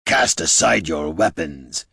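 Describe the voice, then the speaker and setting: A hulking orc chieftain, speaking very deep and gravelly. He booms slowly and commandingly, proud and menacing, in a storybook reading. The recording is dry and close. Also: animated, bright, forceful tone, no room sound, full character voice. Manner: slow, booming and commanding. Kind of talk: audiobook character voice.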